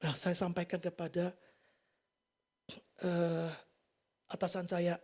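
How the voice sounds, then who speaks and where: A man giving an informal sermon testimony to a church congregation, talking in a colloquial, animated way and asking the listeners many rhetorical questions. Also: sits high, slow. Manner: colloquial, slangy delivery. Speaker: church preacher.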